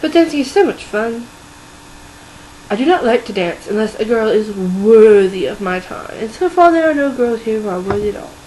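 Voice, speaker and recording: A woman voicing a haughty young gentleman who speaks in a flat, disdainful way. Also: a little high, normal speed, slight background noise, natural voice, low-quality recording.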